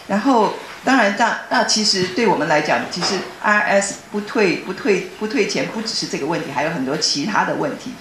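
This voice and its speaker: A woman giving a personal testimony in a church hall, telling her story earnestly and excitably, often restarting her sentences. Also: fairly low pitch, brisk, few pauses, noisy background.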